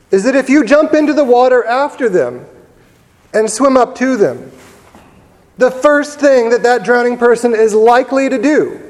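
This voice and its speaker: A man preaching a sermon in a church, telling the story in a conversational way with pauses and repeated words. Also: very high voice, darkish tone. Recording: long reverb of a large church hall.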